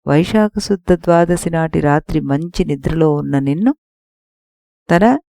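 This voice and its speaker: A woman's voice: sits low, animated, measured pace, creaky, dark tone, no echo, studio quality, exaggerated voice. A woman voicing a caring female companion who comforts a princess, read in an audiobook story. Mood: soothing. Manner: soothing, reassuring.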